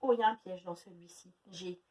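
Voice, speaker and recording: A woman teaching a phonics lesson to young children, sounding out words slowly syllable by syllable. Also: fairly low pitch, a little mellow, far from the mic, poor audio. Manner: slow, exaggerated syllable-by-syllable pronunciation. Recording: faint noise, voice a little off-mic.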